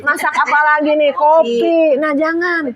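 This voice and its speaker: A woman's voice: high-pitched, fairly even intonation, measured pace, over a noisy crowd. A middle-aged woman, preaching an informal home sermon in a conversational, exhorting way. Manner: conversational, exhorting, checks in with listeners.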